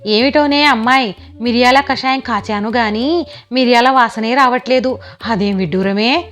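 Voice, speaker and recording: A woman voicing a sharp-tongued, stubborn old grandmother, scolding and teasing in a raised pitch. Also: normal speed, close to an everyday voice.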